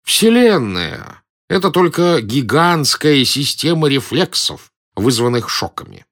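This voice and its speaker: A man's voice: medium pitch, very animated, unhurried, fairly bright tone, voice pushed up, exaggerated voice. A man playing a timid, pedantic elderly male professor in an audiobook, whining and indignant. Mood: fussy, whiny. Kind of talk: audiobook character voice.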